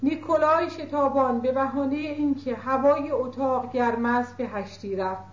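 Woman, audiobook narrator, measured reading, roomy dull tape sound. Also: high-pitched. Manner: measured literary reading, voices characters lightly.

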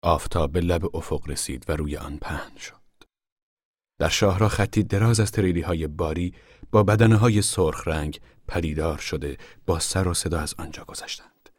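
A man reads a novel aloud in a soft, hushed, measured way. His voice is very deep and husky, and the recording is dry and close, with no room sound at all. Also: no echo. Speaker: narrator. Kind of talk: audiobook narration of a novel.

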